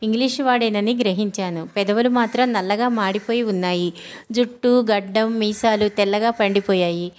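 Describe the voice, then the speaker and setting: A woman's voice: mid-range voice, fairly even intonation, normal speed. Woman narrating a storybook. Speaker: audiobook narrator.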